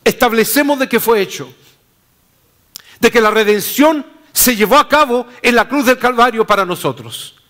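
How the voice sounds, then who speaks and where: A man pastor preaching a sermon in slow, deliberate phrases, dropping low and soft at the ends. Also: animated.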